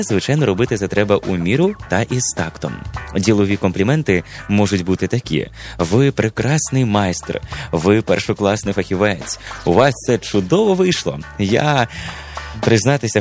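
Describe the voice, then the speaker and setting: A man presenting an educational program, reading a scripted lesson in a measured, instructive manner and slowing down on key words. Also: on the low side, darkish tone. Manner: measured, didactic, stretches words slowly for emphasis. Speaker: presenter of a language and etiquette program.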